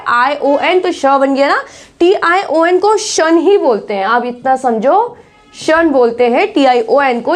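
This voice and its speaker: A woman teaching an English lesson, explaining step by step and asking and answering her own questions. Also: high-pitched.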